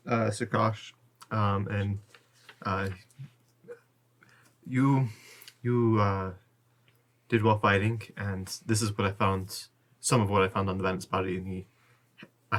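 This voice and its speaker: A man playing a tabletop game, describing his character's actions in a halting way. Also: fairly low pitch. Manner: halting, full of ums and restarts. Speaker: player.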